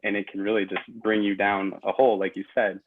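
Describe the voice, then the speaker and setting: A man hosting a podcast, asking relaxed, thoughtful questions in casual conversation. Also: lowish voice, a little fast, slight background noise. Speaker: podcast host. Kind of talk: casual interview chat. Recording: tinny phone-like audio.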